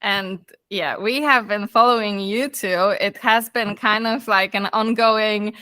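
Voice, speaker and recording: A woman hosts an interview podcast with an upbeat, chatty manner. Her voice is bright and crisp, and it is recorded close and dry with no room sound. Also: medium pitch, steady tone, a little slow, dry recording. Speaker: podcast host. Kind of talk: interview hosting.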